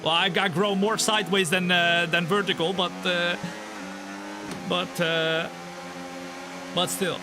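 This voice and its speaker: A man's voice: high voice, flat delivery, slow, long pauses, over music. A twenty-five-year-old man streaming a racing game live, chatting with viewers and calling the race in a joking, self-teasing way. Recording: game engine noise behind voice. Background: racing car engine sounds.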